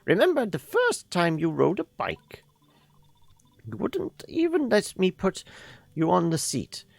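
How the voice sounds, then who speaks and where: A performer putting on the voice of a kindly old woman mentor in a game, tender, halting and reassuring. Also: lowish voice, wildly swooping pitch, gravelly, a little mellow, no echo, pitched above the performer's own voice, heavily acted. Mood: fond reminiscing.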